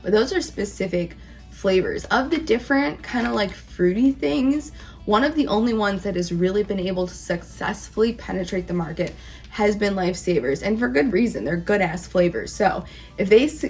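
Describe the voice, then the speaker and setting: A woman's voice: mid-range voice, a little mellow. A woman hosting a casual taste-test vlog, talking informally and emphatically in a rambling, conversational way. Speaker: candy reviewer, video host.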